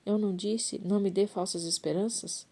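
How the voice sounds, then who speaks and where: A woman's voice: mid-range voice, fairly even intonation, moderate pace, mellow, natural voice. A woman reading as an earnest, devout rich woman. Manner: reads with small restarts.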